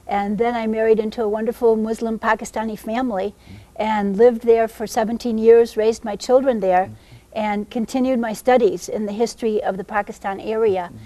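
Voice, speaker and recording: A woman's voice: fairly high pitch, mellow. A woman author and historian answering interview questions in a composed, factual way.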